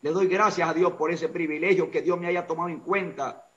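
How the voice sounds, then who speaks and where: Male pastor, emotional testimony, slightly raised pitch, muffled lo-fi sound. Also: brisk. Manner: earnest, emotional storytelling. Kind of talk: testimony in an interview. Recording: dull lo-fi recording.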